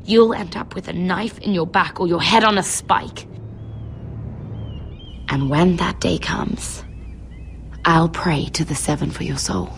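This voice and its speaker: Emotional young handmaiden, game drama; very high, animated, drawn-out delivery. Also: female voice, slight background noise, full character voice. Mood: bitter, menacing. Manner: pleading, highly emotional. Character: desperate, emotional young handmaiden accused of betrayal. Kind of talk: dramatic video game acting.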